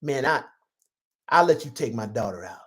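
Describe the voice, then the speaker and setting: A preacher putting on a sly father who cuts a deal in a hushed, conspiratorial voice. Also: mid-range voice, expressive, normal speed, pitched below the performer's own voice, close to an everyday voice.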